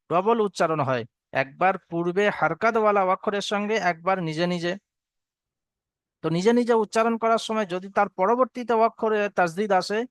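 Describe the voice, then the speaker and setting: A man teaching Quran recitation in a lesson. His voice is high and resonant, and the recording is dry. He breaks every word into its letters and vowel marks before he chants it slowly. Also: a bit bright, clean tone, no echo. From Bengal. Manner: spells each letter and vowel, then chants the verse slowly. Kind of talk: spelling out and reciting verses for students.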